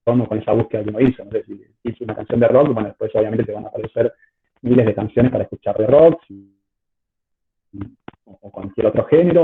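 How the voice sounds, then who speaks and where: A man with an Argentine accent giving an informal online lecture as a teacher, hesitant and repeating words as he explains, heard through choppy call audio. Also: lowish voice. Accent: Argentine Spanish. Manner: hesitant, repetitive phrasing while explaining. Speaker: university statistics lecturer. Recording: choppy phone-like call audio, faint noise, clicks.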